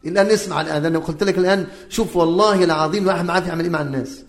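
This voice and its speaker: A man's voice: sits high, very fast. Man teaching in an echoey room. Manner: drilling listeners with repeated questions, chanting examples. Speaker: religious teacher. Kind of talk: religious lesson on the call to prayer.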